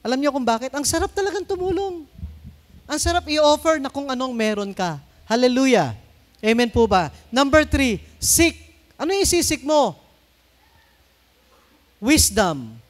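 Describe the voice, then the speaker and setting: Speaking unhurriedly with long pauses, this middle-aged Filipino pastor preaches conversationally, mixes in English, and calls on the congregation to answer. His very high voice swings widely in pitch.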